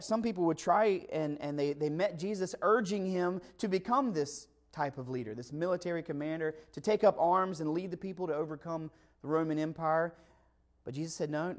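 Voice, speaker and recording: A man preaching a conversational Christmas sermon, emphatic and full of rhetorical questions. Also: high voice. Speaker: pastor.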